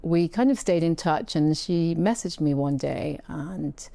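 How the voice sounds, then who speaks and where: A woman being interviewed, speaking reflectively in a casual conversation, with frequent restarts and soft laughs. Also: deep voice, measured pace, vocal fry, dry recording. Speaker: interview guest.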